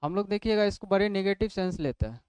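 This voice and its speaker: A man's voice: high voice, expressive, fast, a little mellow, clear, resonant tone, no echo. A man teaching English grammar in a classroom lecture, asking questions and answering them himself step by step. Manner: explains step by step, asks and answers his own questions.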